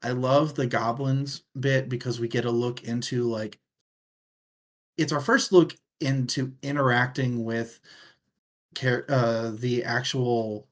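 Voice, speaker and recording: A medium-pitched male voice, fairly even in intonation and slow-paced, co-hosts a book discussion show. He chats casually and enthusiastically about books, reads out listener comments, and drops the occasional swear word.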